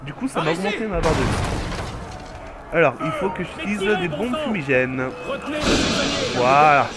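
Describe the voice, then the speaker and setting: A man giving casual, jokey commentary while playing a video game, with loud game music behind. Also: fairly high pitch, moderate pace. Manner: chatty, jokey, lively. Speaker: let's play gamer.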